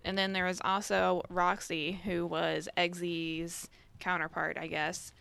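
A woman co-hosting a casual film chat, making her points in a measured way with hesitant fillers. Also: on the low side, little pitch movement, gravelly, fairly bright tone, smooth, dry recording.

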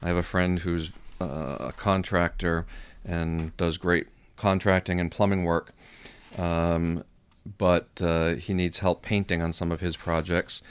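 A middle-aged man co-hosting a radio show, chatting casually about practical advice in a halting, thinking-aloud way. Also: low-pitched, flat delivery, smooth, no room sound. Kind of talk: casual money-advice chat.

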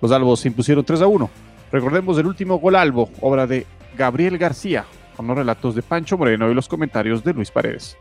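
Over a light music bed, a man reads scripted sports radio narration. His voice sits at a middle pitch. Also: animated, fast, a little mellow.

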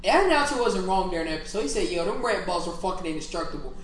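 A young woman with a slightly low, very animated voice chats casually in an echoey room. She is brash and emphatic, swearing freely and talking like a frat bro. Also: racing. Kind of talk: casual chat about cartoons. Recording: echoey room with background noise.

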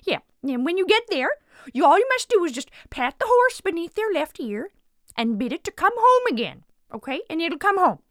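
A woman voicing a cheerful, chatty elderly woman in a storybook tale, talking high and laughing. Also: sing-song, normal speed, a bit bright, dry recording, studio quality, exaggerated voice. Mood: chirpy. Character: cheerful rambling elderly woman juggling apples.

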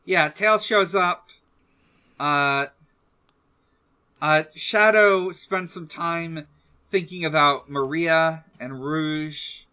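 A podcast co-host recaps a story casually among friends, haltingly and with long, drawn-out pauses. The voice is mid-range, bright, forceful and smooth.

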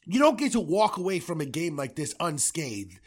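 A fuming man on a solo sports podcast, swearing freely and repeating himself. His voice sits high and lurches up and down in pitch. One moment he is shouting, the next he is muttering. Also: big pitch swings, moderate pace, breathy edge. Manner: angry, profane, repetitive ranting; swings from loud outbursts to muttering. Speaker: podcast host.

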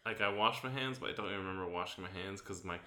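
A man's voice: deep voice, very fast, sharp tone. A man co-hosting a podcast in casual chat, hesitant, with many fillers, recorded in an echoey room. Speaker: podcast co-host.

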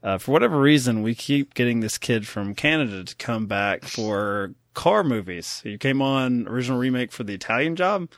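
A man's voice: mid-range voice, expressive, moderate pace, few pauses, dry recording, clean studio sound. A man hosting a film podcast, chatting casually with lots of fillers and laughs. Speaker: podcast host. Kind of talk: casual chat.

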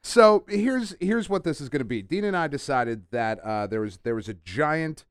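A man's voice: on the high side, lively intonation, moderate pace, clean tone, no room sound, studio quality. A man hosting a podcast in casual chat, talking like an enthusiastic fan who swears freely. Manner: profane, enthusiastic fan talk. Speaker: podcast host.

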